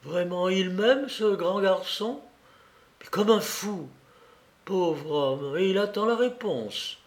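A man's voice: sits high, lively intonation, takes it slowly, voice pushed up, full character voice. A man reading aloud voices a hesitant young woman whose voice is grave and musical. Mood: calm resolve. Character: sad young woman, then calmly decided.

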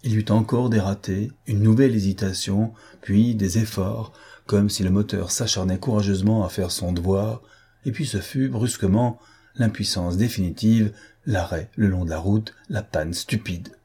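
A man reading a novel aloud in a measured, dramatic audiobook narration. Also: fairly low pitch, mellow, breathy edge.

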